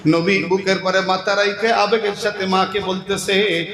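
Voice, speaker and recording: A man preaching a waz sermon, telling a story with emotion and breaking into impassioned shouts. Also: sits high, little pitch movement, a little slow, roomy sound.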